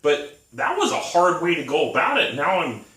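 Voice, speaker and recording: A podcast co-host in his thirties rambles through stories in a casual chat, laughing often. His fairly high voice swoops wildly in pitch with a sharp tone at a moderate pace, picked up by a distant mic in an echoey room.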